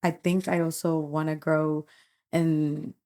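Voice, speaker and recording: A middle-aged woman with a noticeably low-pitched voice shares her thoughts on a podcast. She speaks earnestly and reflectively, pausing and restarting as she gathers her words. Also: flat delivery, warm tone. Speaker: podcast co-host and youth ministry leader. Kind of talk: casual podcast chat.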